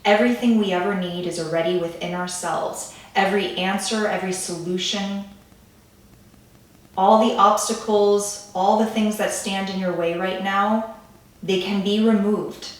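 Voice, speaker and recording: A woman leading a calm grounding meditation in a gentle, soothing way, with pauses between phrases. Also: medium pitch. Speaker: meditation guide. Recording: echoey room, distant from the mic.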